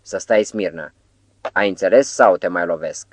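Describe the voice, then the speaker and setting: A man's voice: low voice, dry recording. Marcus, a man reading a nasal brutal centurion. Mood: menacing. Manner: threatening, mangled words. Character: huge brutal scarred male Roman centurion. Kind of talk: audiobook character reading.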